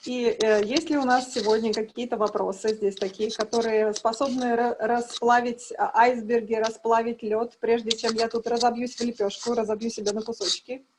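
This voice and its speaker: A woman's voice: a little high, flat delivery, fairly quick, few pauses, background noise. A woman interpreter giving a live consecutive translation voice-over on a video call. She renders each line plainly, with brief hesitations and self-corrections. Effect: live consecutive translation voice-over into Russian.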